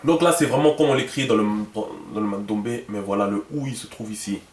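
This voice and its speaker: A man's voice: lowish voice, a little fast, slight background noise. A man teaching a lesson, patient and checking often that the viewer follows. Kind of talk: instructional video lesson. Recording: echoey room.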